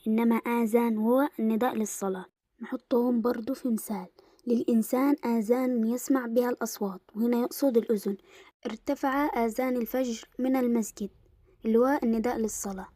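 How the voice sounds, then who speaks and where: A young woman with an Egyptian Arabic accent teaching an Arabic lesson in a casual explanatory way, slowing down to stress word pairs. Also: a little high, dark tone, no echo.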